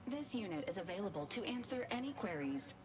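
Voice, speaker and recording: A woman's voice: medium pitch, brisk, background noise, lightly acted. A woman voicing Val, a courteous robot medic. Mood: clinical. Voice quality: formal, clipped machine phrasing. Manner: calm, clinical and courteous. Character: polite female robot medic companion. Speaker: game character.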